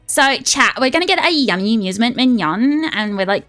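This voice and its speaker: A young woman streaming a card game, chatting casually and excitably, swearing freely and sliding into a valley girl voice. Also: a little high, brisk. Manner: excitable and profane, drifts into a put-on valley girl voice. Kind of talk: casual live-stream gaming chat. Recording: faint music behind.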